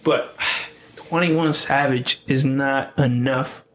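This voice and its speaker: Casting note: mid-pitched male co-host, blunt and foul-mouthed, casual podcast banter. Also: fairly even intonation, slow pace, fairly bright tone, a little hiss or hum. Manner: blunt, profane, dismissive opinions. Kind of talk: casual chat.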